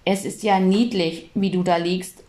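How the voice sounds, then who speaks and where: A woman voicing a kind, cheerful young mother in a storybook reading, bright and coaxing. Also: on the low side, fairly even intonation, measured pace, lightly acted.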